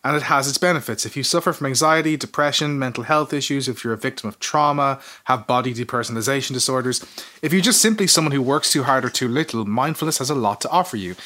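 A man co-host reads his own essay aloud, earnest and a little self-mocking. He talks fast with a bright, forceful tone. His pitch sits in the middle. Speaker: podcast co-host. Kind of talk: casual chat, reading an essay.

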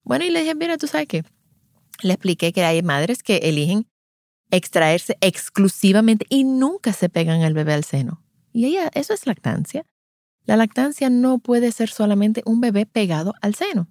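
A lactation consultant sharing a story from a home visit, animated and acting out the people in it, reassuring as she gives advice. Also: mid-range voice, normal speed, no room sound, clean studio sound. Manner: animated, acts out each voice in the anecdote. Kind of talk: personal storytelling.

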